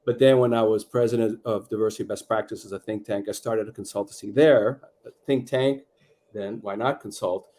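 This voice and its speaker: A middle-aged man from Peru, a guest author talking in a measured, reflective way with many fillers over a video call. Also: fairly low pitch, fairly even intonation, dark tone. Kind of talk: conversational interview.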